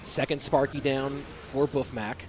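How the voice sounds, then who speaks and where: The background is noisy, and the young man's mid-range voice runs a little slow, nasal from a cold. He's an esports commentator doing a casual solo cast with play-by-play and chat reading. Between plays he loosens up, chatting with viewers and responding to their questions.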